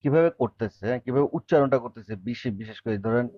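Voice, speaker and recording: A man's voice: mid-range voice, fast talker, dry recording, highs cut off. A man teaching beginner French, explaining patiently and repeating phrases to check that students follow. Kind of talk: language lesson explaining in Bengali.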